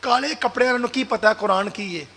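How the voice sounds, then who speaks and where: A man preaching a sermon, fiery and addressing the crowd directly, rising to shouts. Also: very high voice, a little hiss or hum. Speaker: preacher at a religious gathering. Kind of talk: sermon with call-and-response. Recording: long hall reverb.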